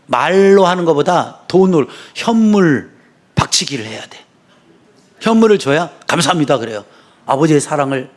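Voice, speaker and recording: Impassioned Korean pastor preaching. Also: male voice. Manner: impassioned preaching, rising to shouts and dropping to a low conversational tone. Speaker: senior pastor. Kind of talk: sermon.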